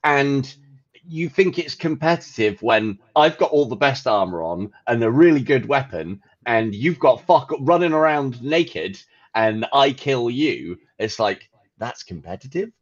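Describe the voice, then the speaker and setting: A man co-hosting a podcast, chatting casually and profanely about games with an animated, ranting manner. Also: medium pitch, unhurried, lo-fi sound. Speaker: podcast co-host. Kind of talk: casual gaming chat.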